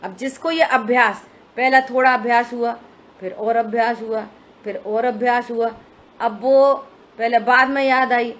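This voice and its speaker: A woman teaching scripture walks her listeners through a religious discourse one step at a time, asking them rhetorical questions. Her voice is a little high, with fairly even intonation and a slightly slow pace, captured in a dull lo-fi recording with faint hiss.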